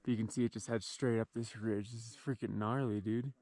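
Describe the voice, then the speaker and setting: A man's voice: fairly low pitch, fairly even intonation, brisk, warm tone. A man giving casual, slangy, exclamatory commentary as a climber outdoors. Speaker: mountain climber. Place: outdoors on a mountain ridge.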